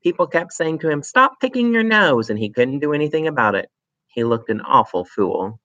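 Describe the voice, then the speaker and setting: A man's voice: a little high, sing-song, moderate pace, sharp tone, no room sound, dull audio, voice pushed up. A man voicing a clever, cheeky little girl who speaks with sweet innocence. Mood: matter-of-fact.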